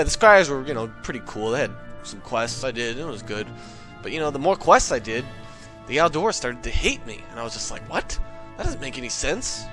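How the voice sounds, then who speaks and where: A man telling a comedic rant story, excitable, profane and boastful. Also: a little high.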